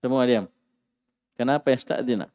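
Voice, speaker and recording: A man's voice: mid-range voice, normal speed, darkish tone, big-room sound. A man teaching an Arabic class, who asks the students questions and repeats key words with rising emphasis.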